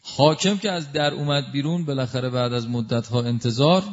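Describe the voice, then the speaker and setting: A man preaching a devotional sermon through a story, emotive, swinging from loud exclamations to hushed asides. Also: medium pitch, steady tone, dull audio.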